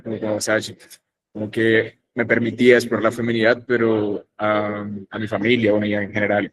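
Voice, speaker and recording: Poor audio captures a young man from northern Colombia with a Colombian Spanish accent and a lowish, slightly bright voice. Speaking on a discussion panel, he is thoughtful and hesitant, frequently pausing and starting over.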